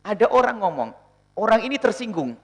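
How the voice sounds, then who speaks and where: A male preacher answers questions from his audience with lively energy. His voice sits high and swoops widely in pitch. He often slips into little acted-out quotes of the people he describes. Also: fairly quick. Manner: animated, acts out quoted speakers.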